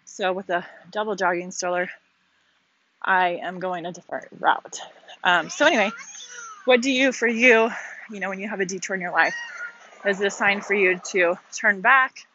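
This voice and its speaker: A woman's voice: mid-range voice, normal speed, long pauses, bright, forceful tone, dull audio. A woman, an author and podcast host, chatting casually on a shaded outdoor walk, slightly out of breath and rambling with fillers and musing questions. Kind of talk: casual walking vlog. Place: outdoors on a shaded walking path.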